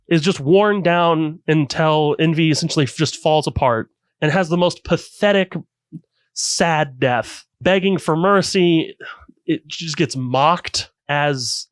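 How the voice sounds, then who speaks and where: A man co-hosting a casual anime podcast, retelling scenes with animated enthusiasm. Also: fairly high pitch, clean tone, dry recording. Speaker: podcast co-host.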